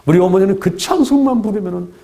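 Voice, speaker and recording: A man's voice: sits high, quick pace, creaky, mellow. An older man preaching a sermon as a pastor, emphatic and repetitive, asking the congregation rhetorical questions. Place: church.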